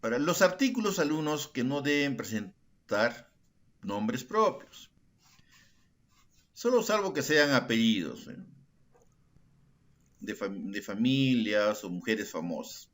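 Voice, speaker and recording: Guy teaching grammar, slow and patient, lively up-and-down voice. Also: medium pitch. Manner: slow, patient explaining with frequent tag questions; addresses students directly and repeats key words. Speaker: secondary school language teacher. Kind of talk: recorded grammar lesson.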